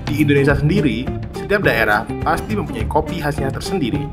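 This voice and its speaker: Man narrating a documentary over loud guitar. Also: a little high, brisk. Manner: even, informative.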